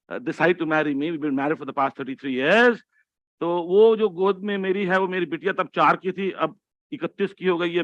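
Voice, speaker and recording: A man's voice: on the high side, pushed and bright, no echo, dull audio. A man in his sixties with an Indian English accent, giving a motivational keynote talk, joking and quizzing the audience. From India, grew up in Delhi. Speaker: motivational speaker.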